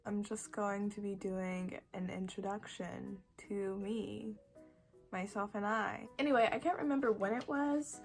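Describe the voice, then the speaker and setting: A 21-year-old woman with a croaky voice, chatting casually to camera in a rambling, self-deprecating way with dramatic emphasis. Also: medium pitch, fairly even intonation, a little slow, soft background music. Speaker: video creator answering follower questions.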